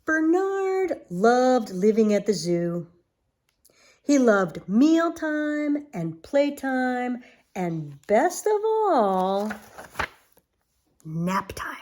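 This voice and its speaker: An older woman reads a picture book in a gentle grandma voice, pitched fairly high. She takes her time over the words, swings her melody widely and slips into soft asides for the little listener. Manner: gentle grandma voice, slow and expressive. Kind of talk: storybook read-aloud to a young child, with asides.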